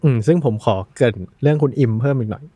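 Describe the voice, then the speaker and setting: A young man from Thailand co-hosting a casual gaming podcast, telling stories with lively acted-out quotes. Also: medium pitch, fast talker, slightly rough, dry recording. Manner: animated storyteller who acts out quotes. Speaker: podcast co-host.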